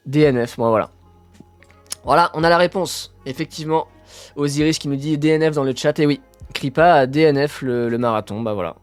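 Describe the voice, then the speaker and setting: Guy streaming about athletics, talks to chat, lots of euh and sudden excited bits, medium voice, dry close mic. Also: mid-range voice, dry recording. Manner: chatty, many fillers, excitable bursts. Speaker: streamer hosting an athletics live. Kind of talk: casual live-stream chat reading the chat.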